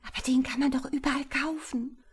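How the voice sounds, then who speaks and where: A woman reading an audiobook, voicing an anxious, tearful young wife in a raised, breathy whisper. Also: sits high, steady tone, a little fast, voice pushed up, close to an everyday voice. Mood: urgent.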